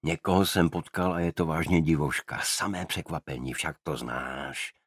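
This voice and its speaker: A man's voice: extremely low pitch, fairly even intonation, breathy edge, no echo. A man voicing a wry, teasing male detective in an audiobook, speaking with dry humour. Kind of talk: audiobook character voice.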